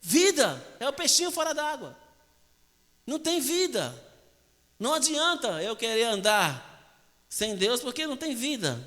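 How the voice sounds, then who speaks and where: A man's voice: very high-pitched, sing-song, a little slow, pauses often, bright, forceful tone. A man preaching a sermon as pastor, with a Brazilian accent, emphatic and asking rhetorical questions over and over. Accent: Brazilian Portuguese. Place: church. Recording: long church hall reverb.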